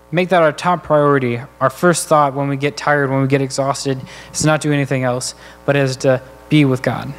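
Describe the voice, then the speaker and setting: A man preaching a sermon in a church, speaking earnestly and conversationally while working through numbered points. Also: mid-range voice. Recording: long church hall reverb.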